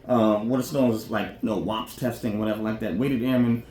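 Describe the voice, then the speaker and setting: A podcast host talks off the cuff about military careers in an informal monologue, explaining in a rambling, colloquial way and often checking in with "you know what I'm saying." His fairly low voice is steady, a little fast, and darkish. The recording has a roomy echo and faint background noise.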